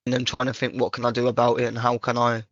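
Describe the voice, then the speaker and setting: A man's voice: mid-range voice, monotone, fast, fairly bright tone, dry recording. A young man hosting a casual chat, talking earnestly and reflectively with casual slang. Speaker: podcast host. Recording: dull, dry lo-fi mic.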